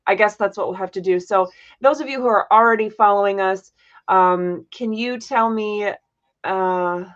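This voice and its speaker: A woman's voice: mid-range voice, normal speed, highs cut off. A woman hosting a live talk show, chatting casually in a rambling way with lots of fillers and playful teasing. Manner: chatty and rambling, many fillers and self-corrections. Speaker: podcast host. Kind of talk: casual livestream chat.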